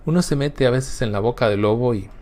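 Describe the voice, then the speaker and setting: A man's voice: mid-range voice, a little fast, warm tone. A man teaching a recorded Bible class as a catechist, emphatic, repeating words for stress and checking in with his listeners.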